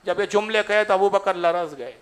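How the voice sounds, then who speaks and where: High-voiced impassioned male preacher. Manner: impassioned, with colloquial asides to the listeners. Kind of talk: sermon storytelling.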